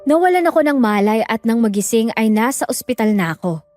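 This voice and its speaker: A woman tells a horror story in first person, with a measured, grave delivery and a slightly high voice. Faint music plays under the narration. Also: animated.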